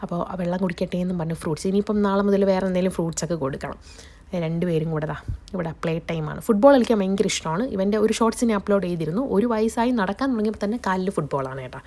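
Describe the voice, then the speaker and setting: In a fairly low, mellow voice that races along, a young woman with a cold narrates a chatty vlog about her day and her cooking. She's indoors in her family's home kitchen, and the cold has noticeably changed her voice.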